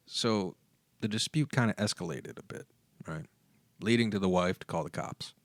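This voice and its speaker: A man with a low voice co-hosts a relaxed podcast and tells a story with easygoing, dry humor. The recording is dry and close to the mic. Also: moderate pace, vocal fry, no echo. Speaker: podcast co-host. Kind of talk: casual chat, telling a news story.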